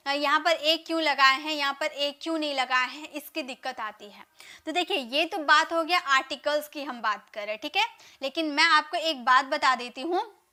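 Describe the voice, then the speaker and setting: A woman teaching a live spoken English class, urging students to answer fast and saying English sentences slowly. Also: high voice, pushed and bright. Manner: drills sentences, urges students to answer quickly; says English model sentences slowly and deliberately.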